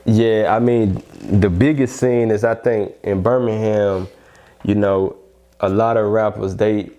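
Mellow Southern man, slangy and casual. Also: fairly low pitch, steady tone, unhurried. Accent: Southern US, Alabama. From Alabama, United States. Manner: slangy, repeatedly checks "you know what I'm saying". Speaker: rapper being interviewed. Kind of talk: casual interview talk.

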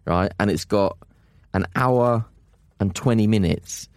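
A man's voice: lowish voice, takes it slowly, a little mellow, dry recording, studio quality. A British man chatting casually and wryly as a podcast co-host. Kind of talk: casual chat.

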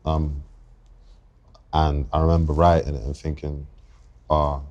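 Very deep flat-voiced young London man. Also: lo-fi sound. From England. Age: 20s. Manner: reflective, halting, circles back to restart thoughts. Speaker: guest rapper. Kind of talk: podcast interview.

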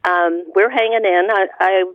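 A woman in her seventies calling in to a radio show, halting and frustrated. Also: mid-range voice, steady tone, no room sound. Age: 70s. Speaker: caller. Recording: tinny phone line.

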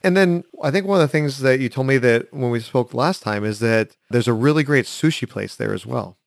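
A man hosts a casual interview at a brisk pace. He keeps the talk moving with quick agreements and follow-up questions. The recording is dry, with no room sound. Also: mid-range voice, vocal fry, no echo. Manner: quick, affirming, asks follow-ups. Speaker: interview host.

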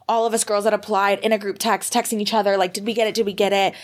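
A young woman in her twenties, a model guest on a podcast, telling her story in a casual, animated way with lots of fillers and swearing. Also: mid-range voice, fast talker.

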